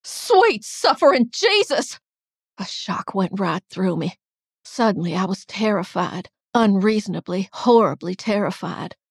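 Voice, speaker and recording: A woman narrating an audiobook in the first person with an expressive, dramatic reading. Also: mid-range voice, moderate pace, vocal fry, breathy edge, no echo, studio quality.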